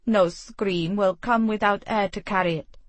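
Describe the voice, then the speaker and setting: Woman reader doing a gruff, curt audiobook hero, sardonic and commanding. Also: mid-range voice, fairly even intonation, a little slow, no echo, close to an everyday voice. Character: gruff, commanding young man, dazed from injury. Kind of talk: audiobook dialogue.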